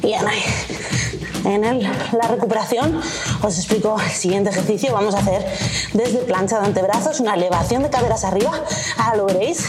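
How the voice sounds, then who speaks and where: A woman's voice: medium pitch, a little fast. A woman with a Castilian accent from Spain coaching a workout class, urging listeners on with short exclaimed commands and counts. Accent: Castilian Spanish from Spain. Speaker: fitness coach leading a workout. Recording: music playing behind the voice. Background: loud workout music.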